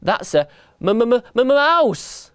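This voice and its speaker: A man's voice: fairly high pitch, wildly swooping pitch, a little fast, bright, forceful tone, breathy edge, no room sound, studio quality, heavily acted. A man voicing a big father elephant who stammers nervously in fright. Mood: panicked. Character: big strong father elephant, terrified of mice.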